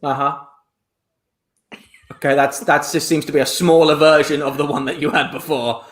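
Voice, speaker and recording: A man's voice: on the high side, level tone, moderate pace, natural voice. A man playing a self-important, awkwardly polite celebrity actor in improvised comedy, stammering slightly. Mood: uneasy, polite. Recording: roomy livestream audio.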